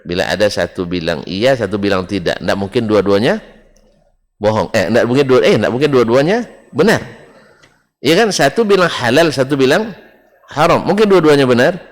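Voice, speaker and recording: Lively male preacher in a reverberant hall. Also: medium pitch, normal speed. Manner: animated, questions the audience often, chuckles. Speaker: Islamic preacher teaching a book study. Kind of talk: religious lecture to a congregation.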